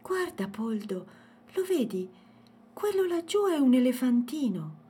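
A woman's voice: a little high, big pitch swings, normal speed, dark tone, voice pushed up. A woman voicing a curious, wide-eyed little girl in a children's storybook, amazed and full of questions.

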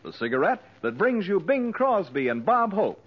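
A man's voice: sits high, big pitch swings, moderate pace. A man announcing the sponsors and cast of an old radio comedy, with a formal, punchy delivery. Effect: old radio broadcast sound. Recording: dull lo-fi 1940s radio transcription.

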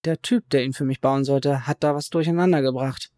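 A man's voice: medium pitch, steady tone, fairly quick, mellow, no echo, clean studio sound, natural voice. A man voicing a friendly, evasive middle-aged boss who talks in an easygoing way.

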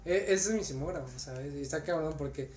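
A man's voice: a little high, a little fast, darkish tone. A young man with a Mexican accent telling rambling stories in slangy casual chat, laughing often. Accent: Mexican Spanish. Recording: roomy echo.

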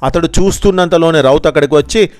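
A man narrating a children's story in a steady, measured way, in a smooth, clear voice. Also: on the high side, dry recording.

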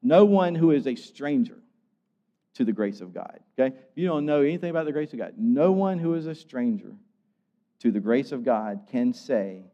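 Older pastor preaching in an echoey hall. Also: male voice, mid-range voice. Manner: lively, conversational preaching with animated voiced quotes. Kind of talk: sermon. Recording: dull sound with long hall reverb.

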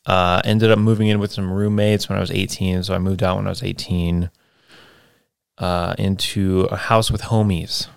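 A man in his twenties hosts a solo podcast, wandering through his life plans with many fillers and tag questions. His low voice barely shifts in pitch, is gravelly but smooth, and keeps a moderate pace, captured in clean studio sound without echo.

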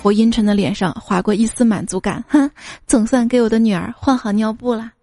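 A woman hosting a show, reading out funny listener stories in a lively way and mimicking the children in them. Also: on the high side, brisk. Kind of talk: humorous story reading. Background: faint background music.

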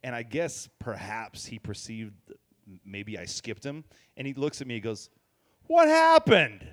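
Rambling male podcast co-host, slightly low. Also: normal speed. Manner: rambling, lots of "you know" and "like". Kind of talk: casual chat, storytelling.

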